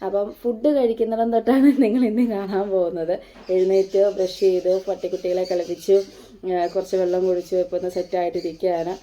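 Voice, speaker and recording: A young woman from Kerala, hoarse from a lingering cough, chatting casually to viewers at home in a vlog, with plenty of fillers. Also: lowish voice, steady tone, fast talker, dark tone. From Kerala, India. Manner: chatty, with many "appam" and "aa" fillers, addressing viewers as guys. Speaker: vlogger. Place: at home, indoors and in the yard.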